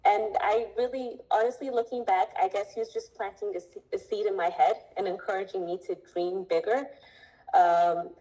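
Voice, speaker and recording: A young adult woman from Ethiopia, a coffee importer speaking earnestly as an interview guest, with many pauses to think. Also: mid-range voice, steady tone, warm tone, low-quality recording. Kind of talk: interview conversation.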